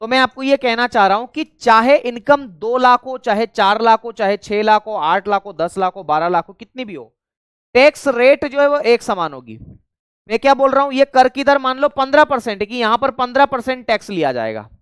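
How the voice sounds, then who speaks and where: Guy teaching an online prep class, repeats stuff over n over, talks right to the students, crisp voice, dry sound. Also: very high voice, expressive, a bit bright, no room sound. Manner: repeats key phrases slowly to drill them in; addresses students directly and often, chatty asides.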